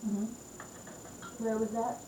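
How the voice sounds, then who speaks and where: A woman's voice: a little high, flat delivery, slow, noisy background. A woman chatting at a dinner table, attentive and filling in with small acknowledgements. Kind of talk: casual dinner-table chat. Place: room in a house at dinner. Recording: echoey room, home recording.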